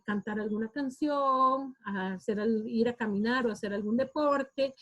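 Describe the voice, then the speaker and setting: A woman's voice: on the high side, breathy edge. A woman with a Costa Rican accent giving an online workshop for parents, speaking informally and often adding fillers and tag questions. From Costa Rica. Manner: informal, often adds "¿verdad?" and "este". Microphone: video call.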